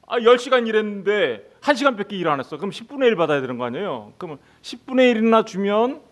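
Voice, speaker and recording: A man's voice: high voice, big pitch swings, fast talker. A male pastor preaching a sermon who keeps asking his congregation rhetorical questions. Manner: acts out the workers' lines in quoted voices.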